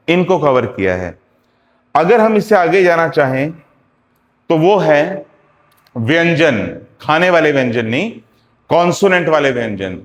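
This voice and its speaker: A man teaching phonetics, spelling out sounds slowly and repeating examples. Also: on the high side. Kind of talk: classroom lecture. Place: classroom. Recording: echoey classroom with long reverb.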